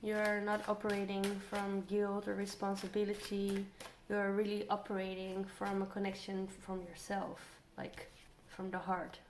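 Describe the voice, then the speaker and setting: A woman reads tarot cards in a casual, musing way, thinking out loud and repeating herself as she works things out. Her voice sits at a middling pitch. The room adds noticeable echo, with audible noise behind her. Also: monotone, a little slow. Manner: musing, thinking aloud, trailing off and repeating phrases. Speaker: tarot card reader. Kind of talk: casual spoken tarot energy reading. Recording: roomy echo, clear background noise.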